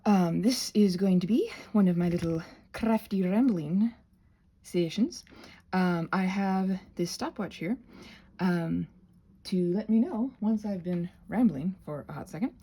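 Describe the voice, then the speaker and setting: A woman with a fairly low, mellow, slightly rough voice speaks a little slowly as she demos how to prep butterfly wings for a craft video. Recorded on a phone, her tutorial is rambling and theatrical, full of self-interruptions and casual asides to herself and the objects in front of her.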